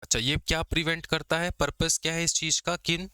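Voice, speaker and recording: Young guy teaching law prep, keeps asking if u get it, crisp bright voice. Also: a little high, little pitch movement, no room sound. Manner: explains casually, checks understanding with repeated questions; slows to dictate English definitions. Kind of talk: exam lecture.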